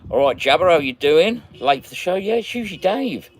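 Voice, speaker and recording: A man's voice: on the high side, very animated, fairly quick. A man hosting a casual livestream, chatting and greeting viewers by name as he reads their comments. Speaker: magnet fishing livestream host.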